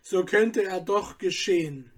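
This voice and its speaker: Male reader doing a soft-spoken storybook boy, earnest, slow. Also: sits high. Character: poor boy, gentle and kind-hearted. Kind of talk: storybook reading.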